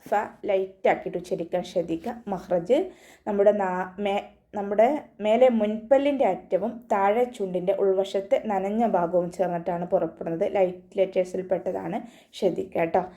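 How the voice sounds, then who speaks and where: Mellow-voiced woman teaching Quran recitation. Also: mid-range voice, fairly even intonation, muffled recording. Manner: patient step-by-step instruction, chanting sample verses slowly between explanations. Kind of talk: online tajweed lesson.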